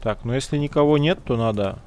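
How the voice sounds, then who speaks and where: A man's voice: medium pitch, darkish tone, slight background noise. A man giving casual gameplay commentary, talking in slang to his viewers and muttering his thoughts as he plays. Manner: slangy, talks to viewers as "guys"; muttering to himself, drawn-out musing. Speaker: let's play gamer.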